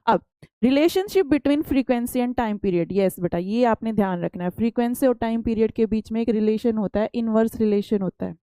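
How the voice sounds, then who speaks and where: Patiently explaining a science lesson, a young woman keeps putting questions back to her pupils and answering them herself, over and over. Her slightly high voice is warm, mellow, and clean, at a normal speed, and the recording is close and dry with no room echo.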